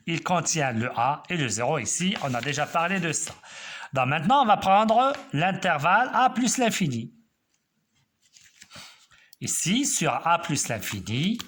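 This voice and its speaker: A man teaching a math class, walking students through each step and checking they follow. His pitch sits a little high and swings widely. He speaks slowly with a bright, forceful tone.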